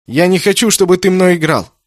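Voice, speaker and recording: A man's voice: fairly high pitch, big pitch swings, moderate pace, a bit bright, no echo, pitched above the performer's own voice. Audiobook: puzzled young hero, voiced by a man, earnest, pleading, dry close mic. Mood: bewildered. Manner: pleading, confused.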